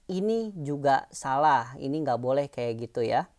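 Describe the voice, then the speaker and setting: A woman's voice: very deep voice, animated, moderate pace, darkish tone. A woman teacher giving an online lesson, explaining patiently in a chatty way with fillers and tag questions.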